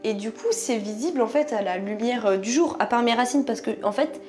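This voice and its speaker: A woman's voice: a little high, a little fast, a little mellow, soft background music. Chatty young woman vlogging at home. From France. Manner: chatty, slangy, addresses viewers as "les gars". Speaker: YouTuber. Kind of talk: casual chat to camera. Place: home bathroom at night.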